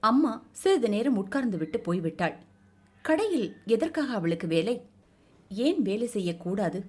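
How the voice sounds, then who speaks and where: A woman narrating an audio novel in measured, expressive storytelling. Her voice sits at a middle pitch. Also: slightly rough.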